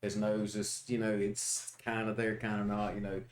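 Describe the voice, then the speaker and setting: A man playing a tabletop role-playing game, talking in a halting way with many fillers and frequent laughs. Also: lowish voice, monotone. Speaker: player.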